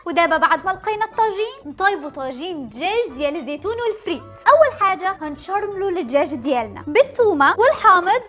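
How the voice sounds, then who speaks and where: A young Egyptian woman with a very high, bright-sounding voice talks quickly and bubbly as she cooks on camera. Her chat is playful and teasing, hopping between dialects for fun. Soft music plays faintly underneath. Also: big pitch swings. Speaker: cooking vlogger. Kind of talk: casual cooking vlog, switching dialects. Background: faint background music.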